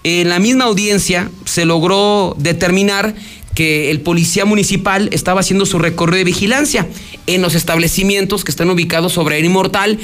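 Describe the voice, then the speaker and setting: High-voiced Mexican man recounting the news. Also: fairly even intonation, brisk, fairly bright tone. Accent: Mexican Spanish. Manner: rambling, frequent restarts, acts out quotes. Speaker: news radio host. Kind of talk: conversational news commentary.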